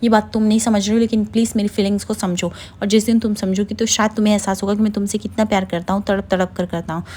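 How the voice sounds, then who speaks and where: A lovesick young husband from a TV drama insists he will not leave and pleads to be understood, voiced by a woman narrator. His words come fast and insistent, at a middling pitch. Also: level tone, mellow, natural voice. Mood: pleading.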